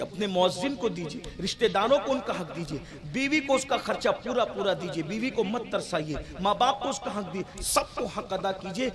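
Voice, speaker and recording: A male preacher delivering a sermon at a religious gathering, emphatic and exhorting, often rising to shouts. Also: high-pitched.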